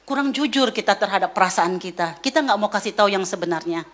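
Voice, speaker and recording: A middle-aged woman giving a lively church teaching, acting out quoted voices as she speaks. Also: mid-range voice, fast. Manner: lively, acts out quoted voices, mixes in English words.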